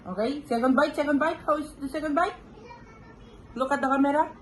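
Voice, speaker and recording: A woman's voice: high-pitched, fast, a little hiss or hum, low-quality recording. A Filipino woman filming a casual food-tasting vlog in a home kitchen, playfully coaxing and prompting the people around her. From Philippines.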